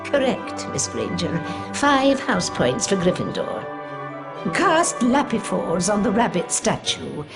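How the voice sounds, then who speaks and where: Older magic-school professor in a game: formal, exacting, lively intonation, music behind. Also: female voice, medium pitch, slow. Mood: formal, instructive. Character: stern but fair older female magic-school professor. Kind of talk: video game voice acting.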